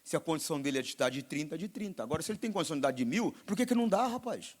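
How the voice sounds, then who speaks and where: Preaching with a Brazilian Portuguese accent, this pastor swings from booming calls to hushed, intimate remarks. He speaks rapid-fire in a fairly high, expressive voice.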